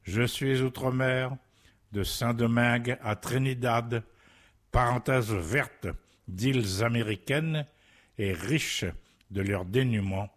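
Slow, incantatory man reciting poetry. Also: medium pitch. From Guadeloupe. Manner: incantatory, repeating refrains.

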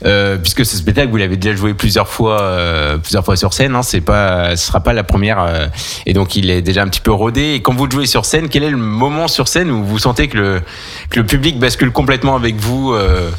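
A man's voice: lowish voice, fairly quick, fairly bright tone. A man hosting a radio interview, asking long questions with many hesitations. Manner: hesitant, many fillers while forming questions. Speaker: radio host.

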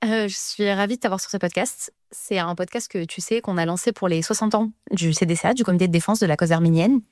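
A woman hosting a podcast interview, measured in her questions, with frequent fillers. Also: lowish voice, darkish tone, no room sound, clean studio sound. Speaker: podcast host.

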